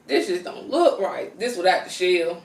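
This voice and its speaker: A woman's voice: on the low side, moderate pace, echoey room, recorded from a distance, poor audio. A woman telling a casual, slangy storytime as a mukbang vlogger, talking with her mouth full as she eats. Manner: talks with mouth full while eating; animated, slangy, conversational.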